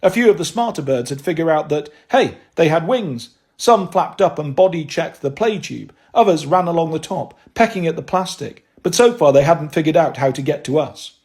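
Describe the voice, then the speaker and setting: A man's voice: fairly high pitch, animated, normal speed, few pauses, a little mellow. A man reading a first-person novel aloud, with a wry, dry delivery. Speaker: audiobook narrator.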